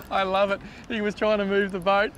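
A man with an Australian accent hosting a fishing show from a boat outdoors, excitable and chatty, laughing often. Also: high-pitched, measured pace, slight background noise. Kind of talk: casual outdoor fishing commentary.

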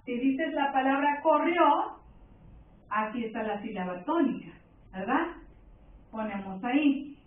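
A woman's voice: fairly high pitch, normal speed, a little hiss or hum. A woman with a Mexican accent teaching a primary school grammar lesson, patiently checking in with her pupils. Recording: tinny distant echoey room.

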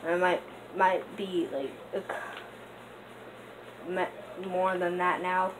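A woman's voice: lowish voice, very slow. A young woman hosting her gaming channel, rambling and hesitant with many fillers while she gives casual commentary over gameplay. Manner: bursts into excited gasps during play. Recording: noticeable background noise.

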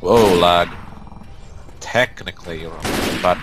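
A man's voice: sits low, measured pace, very noisy. A man playing a game and chatting casually, joking, laughing and teasing his co-player. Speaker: let's play gamer. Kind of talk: casual gaming banter.

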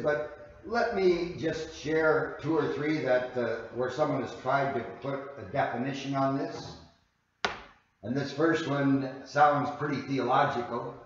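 A man preaching a sermon as a guest minister, slow and deliberate, leaning hard on key phrases. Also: a little high. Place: church sanctuary. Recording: very echoey hall, voice from far off, dull sound.

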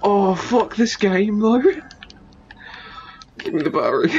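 A man narrating his own horror-game run, cursing freely and laughing at himself as he talks back to the game. His pitch swings widely while his pace stays slow and drawn out. There is a faint hum of ambience behind him. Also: darkish tone, muffled recording. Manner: swears a lot, laughs often, talks to the game. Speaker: let's play gamer.

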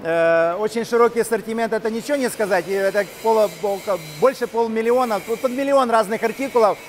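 A middle-aged man, a company co-founder, telling his story in an interview, lively and gesturing as he walks through large factory halls. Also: high-pitched, brisk, long reverb tail, a little hiss or hum. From Ukraine. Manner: animated, gesturing while walking and talking. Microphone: camera-mounted shotgun mic.

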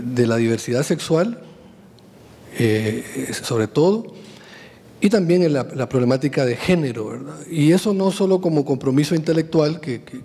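A man, giving a public lecture on a handheld mic in an earnest, halting way, often repeating words. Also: medium pitch, mellow, in a large hall. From Honduras. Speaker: lecturer, historian. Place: small gallery room with audience.

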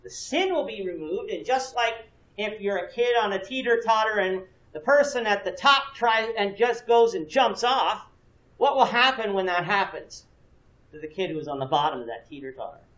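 A man in his thirties, voice sitting high with lively intonation, moderate pace and a fairly bright tone, teaches a church Bible class. He explains earnestly and questions students in a classroom with a projection screen, and the far camera, with no visible mic, records echoey distant audio.

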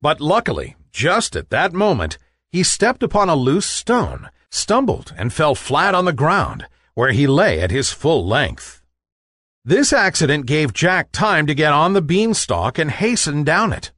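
For learners, a man reads a storybook story at a slow, deliberate pace, his slightly bright voice moving through big pitch swings. The close-mic recording is dry, with no sense of a room behind him.

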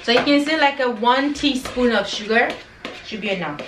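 A woman's voice: a little high, moderate pace, noisy background. A young woman hosting a home cooking vlog, chattily explaining each step to viewers. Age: young adult. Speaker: vlogger and channel host. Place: home kitchen, indoors. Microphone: camera on the table. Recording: roomy kitchen, distant mic, clattering dishes.

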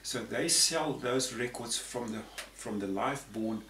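This man's mid-range voice is bright and forceful, and he takes his time. He is a Zambian in his sixties serving as a panel guest, explaining in a rambling, conversational manner with lots of repeated words. The room behind him has a patterned tapestry backdrop, and the recording is roomy, distant, and faintly hissy.

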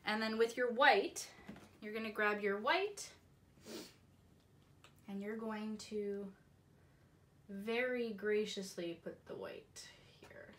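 A woman's voice: mid-range voice, a bit bright. Canadian woman teaching a painting class. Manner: friendly, instructive, talks through each brushstroke. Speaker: painting instructor. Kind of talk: step-by-step painting tutorial. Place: indoor craft studio with paint shelves.

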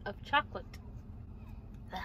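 A woman's voice: a little slow, a crowd in the background, low-quality recording. A young woman chatting and giggling with a friend in a car, speaking into a phone held close. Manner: giggly and playful. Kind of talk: casual chat among friends. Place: inside a car.

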